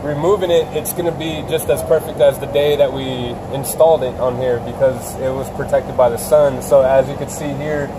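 A man's voice: mid-range voice, a little fast, few pauses. Chill 30s guy talking through his sanding job, noisy shop, camera mic. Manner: relaxed, plain explaining with restarts. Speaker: vinyl wrap installer. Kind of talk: casual interview answers. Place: large open-sided RV service shop.

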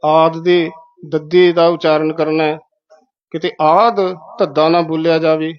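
Male recitation teacher, fairly high voice, repeats words slowly, muffled lo-fi sound. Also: little pitch movement. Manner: methodical, repeats words syllable by syllable. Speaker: Gurbani pronunciation teacher. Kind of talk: explaining correct recitation of scripture.

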